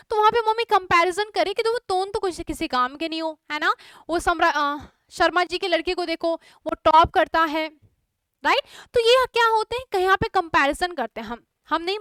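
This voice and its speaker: High-voiced woman teaching, Indian English. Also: a bit bright, no room sound, studio quality. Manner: chatty, mixes Hindi and English, asks students questions. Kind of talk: online exam-prep lesson.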